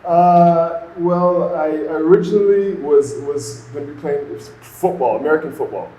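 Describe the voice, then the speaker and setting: A Toronto man with a Canadian accent, a guest who is an entrepreneur and former financial advisor, answers interview questions in a conversational, explanatory way, peppered with "you know." His voice is fairly high, unhurried, and warm. The room is echoey, with background noise.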